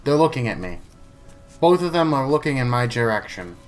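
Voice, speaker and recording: A man's voice: mid-range voice, sing-song, fairly quick, soft background music. A man giving casual let's play commentary, chatty and playful, talking to himself and to the enemies on screen. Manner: playful, jokey asides.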